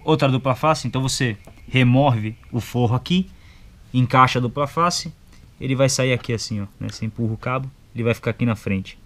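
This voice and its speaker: Indoors at a motorcycle gear shop, a young man with a Brazilian accent reviews a product, walking through it step by step in a relaxed, colloquial style with short check-in tags. He speaks fairly quickly in a medium-pitched, fairly bright voice.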